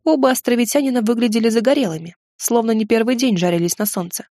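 A woman's voice: fairly high pitch, fast talker, warm tone, no room sound, clean studio sound. A woman narrating a first-person fantasy audiobook in a wry, ironic storytelling manner.

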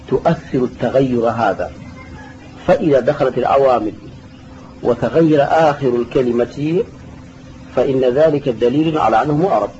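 This dull lo-fi recording with faint hiss captures a sheikh teaching Arabic grammar, explaining a text to his class. His voice is fairly high-pitched yet dark in tone, and he patiently repeats key terms and answers students' questions.

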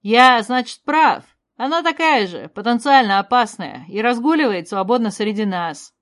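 Woman doing a sneering young man, loud, accusing, storybook villain. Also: fairly high pitch, animated, normal speed. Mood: scornful. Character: hostile young man stirring up fear.

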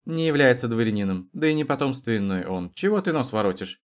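A man's voice: mid-range voice, very animated, fairly quick, natural voice. A man reading the lines of a blunt, mocking young male student with a coarse, plain-spoken way of talking.

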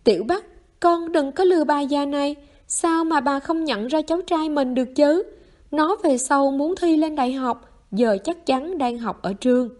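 A woman's voice: sits high, moderate pace, darkish tone, pitched above the performer's own voice, close to an everyday voice. A woman voicing a stubborn, forgetful old grandmother who scolds crankily in a story reading. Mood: cranky scolding.

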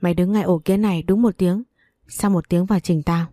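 A woman's voice: lowish voice, fairly even intonation, brisk, dark tone, no room sound, clean studio sound, lightly acted. A woman voicing a harsh, cold young master who gives curt, scolding orders.

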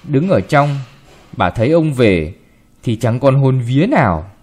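A man reading a short story aloud with expressive, varied delivery. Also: mid-range voice, measured pace. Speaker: narrator.

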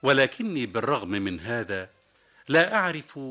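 A man's voice: mid-range voice, big pitch swings, moderate pace, bright, forceful tone. A man presenting a scripted radio literary program in formal classical Arabic, telling anecdotes and quoting verse.

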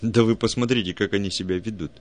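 A man voicing an excited male alien project curator who lectures his colleagues emphatically. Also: on the low side, quick pace, lightly acted. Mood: emphatic.

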